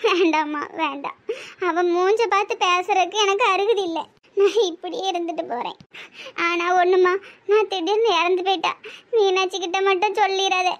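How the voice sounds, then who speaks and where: A woman's voice: extremely high pitch, fairly even intonation, moderate pace, lo-fi sound. A woman voicing a grieving, self-blaming elderly grandmother in a cartoon, speaking with a Tirunelveli Tamil accent in a tearful, lamenting way. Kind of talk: cartoon voice acting.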